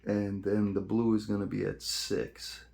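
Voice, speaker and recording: A man with a low-pitched voice hosts an informal how-to video. He talks casually to his viewers, going through settings one step at a time. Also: level tone, measured pace, creaky, a little mellow. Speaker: video host.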